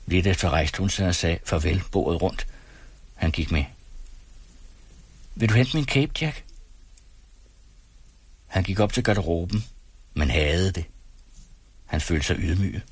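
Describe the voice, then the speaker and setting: En mand, der læser en novelle op i et roligt, afmålt tempo. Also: male voice, low voice, pauses often, husky, dry recording. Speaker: audiobook narrator. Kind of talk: scripted narration.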